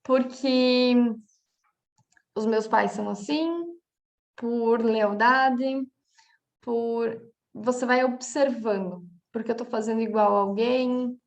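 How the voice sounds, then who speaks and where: Brazilian woman coach talking a class through an exercise, bit high, gravelly fry in her voice. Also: fairly even intonation, slow. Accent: Brazilian Portuguese. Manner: talks through examples, with many filler checks like "tá?". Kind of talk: casual spoken lesson.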